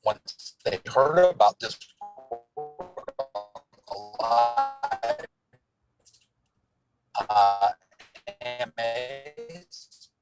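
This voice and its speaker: A man's voice: medium pitch, low-quality recording. A man talking earnestly on a video call while his audio glitches and breaks up, with many restarts. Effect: glitchy audio breaking up on a bad connection. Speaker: community member giving feedback. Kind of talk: casual video-call meeting.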